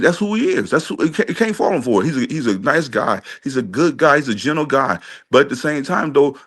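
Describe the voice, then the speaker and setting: High-voiced man ranting with heat. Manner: repeats himself, builds into heated exasperated rants. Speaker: co-host. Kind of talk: casual fan-show rant.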